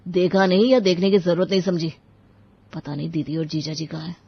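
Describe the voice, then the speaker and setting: A woman's voice: lowish voice, fairly even intonation, brisk, breathy edge, dry recording, dull audio. Woman doing an indignant young husband. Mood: angry. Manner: indignant, raises voice. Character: hot-tempered young married man, protective son.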